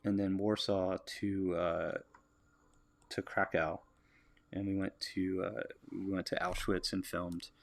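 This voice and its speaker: An American man livestreaming as he draws, musing aloud in a relaxed way and chatting with his viewers. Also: sits low, slow pace, creaky. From United States. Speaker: artist livestreaming a drawing. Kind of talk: casual livestream commentary while drawing.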